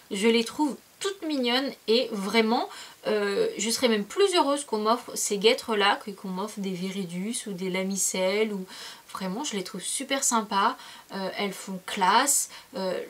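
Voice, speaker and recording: A woman's voice: medium pitch, a bit bright. A woman in her twenties from France, chatting casually through a vlog gift guide, with many hesitations and self-corrections. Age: 20s. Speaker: equestrian vlogger.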